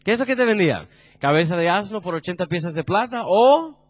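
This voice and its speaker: Animated preacher man with lively pitch. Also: quick pace, no echo. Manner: animated, asks the congregation questions, drops low for emphasis. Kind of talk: sermon.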